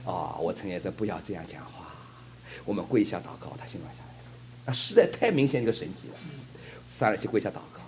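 A man's voice: low voice, sing-song, fast talker, a little mellow, slight background noise. A man preaching a fervent sermon and telling a testimony, asking the congregation rhetorical questions.

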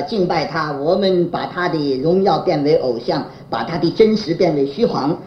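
Woman preacher, lively sermon delivery, prompts the congregation with fill-in questions; echoey room. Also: on the low side. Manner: chuckles while telling anecdotes. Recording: roomy, dull lo-fi recording.

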